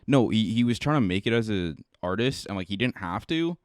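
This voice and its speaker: A young man chatting casually on a podcast in a low voice. He sounds blunt and exasperated and swears often. The recording is dry and close-miked. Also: expressive, brisk, dry recording. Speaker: podcast co-host. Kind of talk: casual chat.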